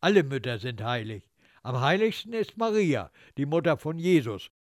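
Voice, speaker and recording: A man narrating a literary story in a wry, expressive way, slipping into the thoughts of the characters. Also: fairly high pitch, moderate pace, dry recording, clean studio sound.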